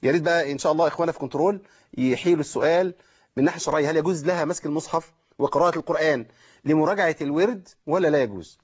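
A fast-talking Egyptian man teaches Quran recitation on a call-in show, breaking each rule into small steps and checking in with listeners. His voice sits fairly high for a man, and the broadcast audio sounds muffled and lo-fi. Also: husky. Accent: Egyptian Arabic. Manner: explains step by step, checks in with listeners. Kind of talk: call-in tajweed lesson.

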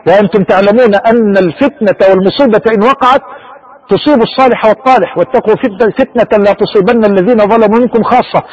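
Male preacher, rapid impassioned sermon, rhetorical questions, dull lo-fi sound. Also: sits high, slightly rough.

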